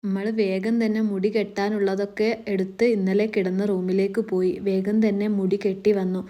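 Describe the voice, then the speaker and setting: Woman, storytelling narration, soft, flat intonation, mellow dark voice. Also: mid-range voice, normal speed. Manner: soft, even reading. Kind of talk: narrated love story reading.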